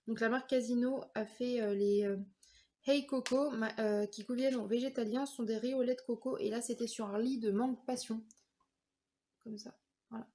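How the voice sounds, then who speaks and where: A woman's voice: fairly high pitch, fairly even intonation, normal speed, darkish tone. A woman in her thirties from France, chatting casually through a product review vlog with many fillers and hesitations. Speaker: vlogger.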